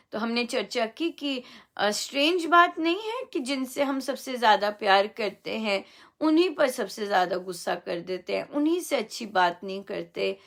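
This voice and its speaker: A woman's voice: mid-range voice, creaky. A woman giving a devotional talk, telling stories and acting out children's replies with frequent laughter. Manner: storytelling, acts out children's replies, laughs often. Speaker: spiritual teacher.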